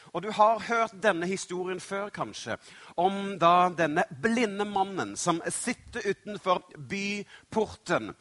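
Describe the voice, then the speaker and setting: A middle-aged male pastor preaching a sermon, telling stories dramatically and moving between hushed and loud passages. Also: sits high.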